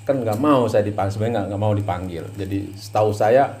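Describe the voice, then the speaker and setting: A man's voice: lowish voice, fast, darkish tone. A man hosting a casual podcast interview, agreeable and often answering with short affirmations and fillers. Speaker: podcast host.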